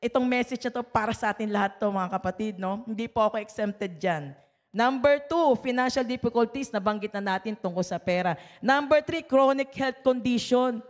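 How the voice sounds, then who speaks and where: A woman's voice: a little high, normal speed, big-room sound. A woman pastor giving a conversational sermon, listing points and often checking in with the listeners through tag questions.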